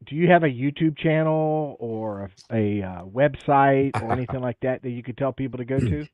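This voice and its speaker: Host with a muffled, dull-sounding mic. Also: male voice, mid-range voice, moderate pace, no echo. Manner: brief reactions and laughs. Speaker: podcast host. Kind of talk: casual interview.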